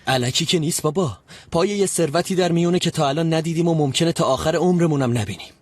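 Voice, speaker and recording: A man's voice: a little high, no room sound, lightly acted. A young actor playing an impatient son who presses his father about an inheritance, in a dubbed TV drama.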